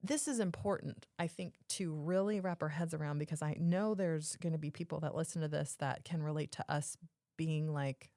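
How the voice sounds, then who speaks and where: A woman with a very low voice for her sex talks casually on a podcast. There is a strong fry in it and the sound is dry and close. She explains things emphatically, circling back to rephrase. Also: normal speed, mellow, dry recording. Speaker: podcast co-host.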